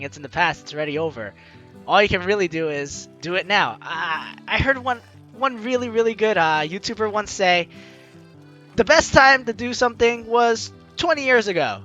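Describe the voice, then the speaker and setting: A young woman hosting a let's play reads the game's text aloud with theatrical flair, tossing in playful, chatty asides. Her voice is medium-pitched and a bit bright, though the recording sounds muffled.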